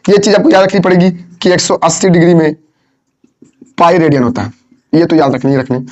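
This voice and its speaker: A man's voice: on the high side, steady tone, fairly quick. A man teaching physics, teasing and scolding his students and repeating phrases over and over. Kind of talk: classroom lesson. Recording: dull lo-fi sound.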